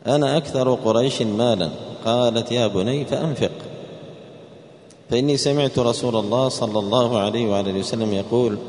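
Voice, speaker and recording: A man's voice: brisk, darkish tone. Man teaching in an echoey hall. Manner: raises pitch and volume sharply for quoted speech; asks rhetorical questions and answers them. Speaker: Islamic teacher. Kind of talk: Quran exegesis lesson. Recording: echoey hall with long reverb.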